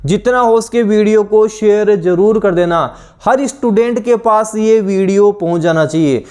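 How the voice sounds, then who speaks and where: A young man with a high voice and an Indian accent leads an online exam-prep class. He reads each definition out slowly and deliberately, then drills the answer through repeated rhetorical questions. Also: mellow, clean tone. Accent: Indian English.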